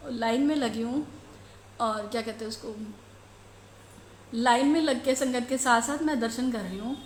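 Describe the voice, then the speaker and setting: A middle-aged woman telling the congregation about a devotional dream, slow and halting as she searches for words. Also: fairly high pitch, slight background noise. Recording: roomy echo.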